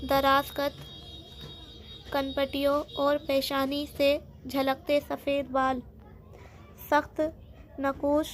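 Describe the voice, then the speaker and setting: A woman narrating a novel as an audiobook in a steady, dramatic reading. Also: high-pitched, slight background noise.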